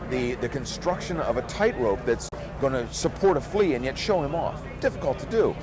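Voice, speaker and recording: With music playing behind him and a crowd chattering on the street, this flea circus showman reflects earnestly in a casual interview. His mid-range voice is animated and keeps a moderate pace.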